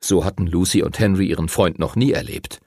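A man narrating an audiobook in an expressive storytelling manner. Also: low-pitched, fairly quick, slightly rough, dry recording, clean studio sound.

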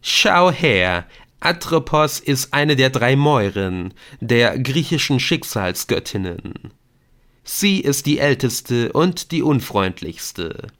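A man's voice: mid-range voice, big pitch swings, slow, a bit bright, voice pushed up, full character voice. A male audiobook reader voicing a playful, theatrical adult man who loves riddles and teases with mock drama. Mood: theatrical, explaining. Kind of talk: audiobook character voice.

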